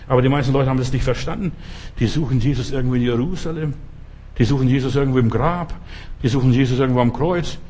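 A man's voice: mid-range voice, a little mellow, breathy edge. A male pastor preaching a sermon in an emphatic way, often asking the listener directly.

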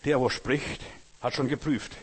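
A male preacher delivering a sermon with a husky, somewhat breathy voice. He is emphatic and repeats his points, often turning straight to the listener. His pitch sits in an ordinary middle range. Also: steady tone, unhurried, in a large hall. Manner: emphatic, addresses listener directly, repetitive.

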